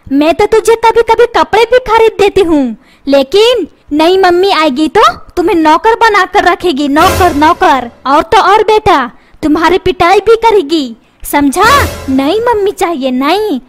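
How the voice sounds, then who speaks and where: Woman doing a scolding cartoon mom, very high voice, sharp tongue, music behind. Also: lively intonation, measured pace. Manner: scolding, threatening. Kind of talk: cartoon voice acting. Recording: music playing underneath.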